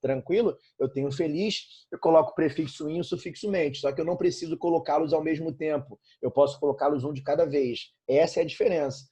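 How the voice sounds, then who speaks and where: A man's voice: a little high, fast, hardly any pauses, mellow, breathy edge. A Brazilian man teaching an informal online grammar lesson, repeating points and checking in with frequent tag questions. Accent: Brazilian Portuguese.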